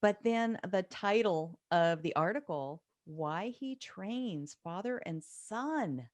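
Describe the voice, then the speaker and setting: A woman hosting an interview in a conversational style, appreciative and leading gently into her questions. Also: medium pitch, lively intonation, slow, no room sound. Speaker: interview host.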